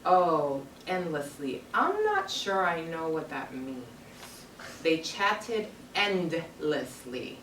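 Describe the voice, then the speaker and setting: With a deep voice, big pitch swings, and a slow, slightly bright delivery, a woman elementary teacher leads young kids in a read-aloud, speaking in simple, instructive phrases. The carpeted classroom is full of children. A distant camera across the room records roomy audio with background noise.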